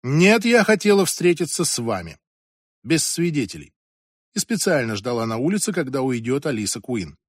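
A woman's voice: a bass voice, sing-song, normal speed, breathy edge, no echo, studio quality, heavily acted. A man reading an audiobook and voicing a strict, imperious ex-senator in her eighties who talks in a commanding, impatient way. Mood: composed. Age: 80s. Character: strict imperious old woman, former senator.

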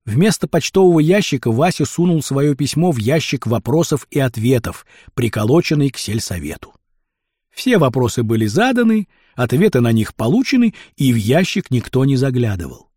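A man reading a storybook aloud as scripted narration, in a lively, expressive way. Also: mid-range voice, moderate pace, breathy edge, no echo, clean studio sound. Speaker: audiobook reader.

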